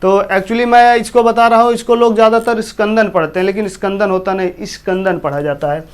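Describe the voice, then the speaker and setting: High-voiced man from eastern Uttar Pradesh teaching. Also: a little fast, clean tone. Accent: Hindi, from eastern Uttar Pradesh. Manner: repeats himself, asks the class questions. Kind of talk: classroom lesson.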